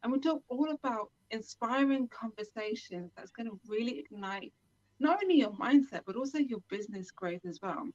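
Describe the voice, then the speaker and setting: A woman's voice: on the high side, lively intonation, moderate pace, darkish tone, highs cut off. A woman from the UK hosting a live web show over a video call, enthusiastic and talking straight to the viewers. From United Kingdom. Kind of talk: upbeat show introduction and interviewing.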